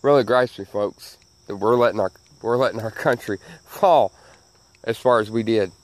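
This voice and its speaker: A lowish male voice at a moderate pace belongs to a channel host from the American South giving an emphatic, folksy rant of his opinions to camera. He keeps repeating his phrases. His missing front teeth slightly slur his sibilants.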